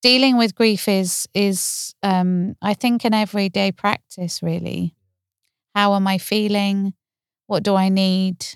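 A woman therapist co-hosting a podcast, talking calmly and reflectively, often explaining through gentle questions. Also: medium pitch, unhurried, smooth, dry recording, studio quality. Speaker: therapist, co-host. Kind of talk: podcast conversation.

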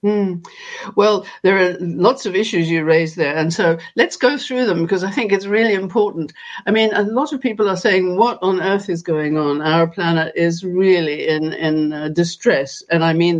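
A woman speaking earnestly as an interview guest, phrasing deliberately and repeating points for emphasis. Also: fairly low pitch, a little mellow, highs cut off. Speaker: interviewed guest and spokesperson for an organisation. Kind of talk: earnest interview answer on world affairs and spirituality.

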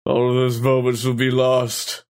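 A man's voice: mid-range voice, monotone, a little slow, a little mellow, smooth, natural voice. A man playing a dying evil clone, solemn. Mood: mock solemn. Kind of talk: comedic improv parody.

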